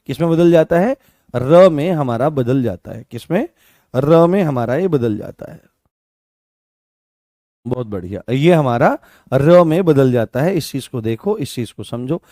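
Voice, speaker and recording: With a Rajasthani Hindi accent, a man teaches a live online Hindi grammar class for exam candidates, repeating points, answering his own questions and sometimes singing lines. His fairly high, darkish voice is recorded dry in studio quality.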